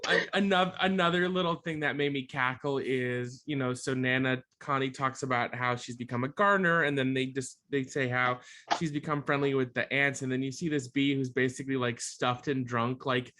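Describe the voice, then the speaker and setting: A man's voice: medium pitch, steady tone, moderate pace, pushed and bright. A man co-hosting a casual podcast, retelling favorite jokes from a film with laughter. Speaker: podcast co-host.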